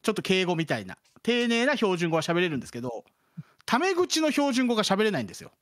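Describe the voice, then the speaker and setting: A man's voice: sits high, sing-song, fast, a bit bright. A man from the Kansai region of Japan, a guest chatting casually with many fillers and self-deprecating asides. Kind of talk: casual chat.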